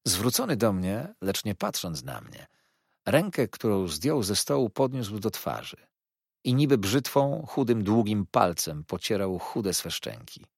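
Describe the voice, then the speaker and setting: Husky, expressive male audiobook narrator. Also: on the low side, measured pace, no echo, clean studio sound. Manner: expressive, animated reading. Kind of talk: scripted narration.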